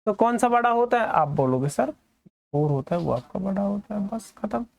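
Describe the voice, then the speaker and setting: A male maths teacher with an Indian accent. He asks the class questions and answers them himself, dropping lower and softer on the students' replies. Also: expressive, normal speed, gravelly.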